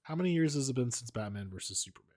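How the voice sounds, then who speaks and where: A man's voice: medium pitch, expressive, very fast, darkish tone. A man co-hosting a casual film podcast, opinionated, often hedging with "like". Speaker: podcast co-host. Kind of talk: casual chat.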